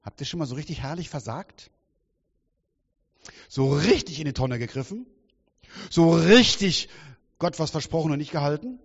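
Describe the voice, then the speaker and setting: A man in his fifties preaches a lively, joking sermon in a slightly raised voice, drawing the congregation in with questions. It sounds like a large church hall with long reverb, caught on a dull, muffled recording. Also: a little high, moderate pace, long pauses, husky. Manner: lively, humorous, theatrical, talks to the congregation.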